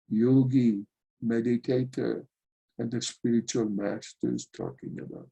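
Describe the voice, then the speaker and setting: A man's voice: mid-range voice, creaky, warm tone, breathy edge, low-quality recording. A man teaching yoga philosophy in an earnest spiritual talk, addressing listeners as dear friends.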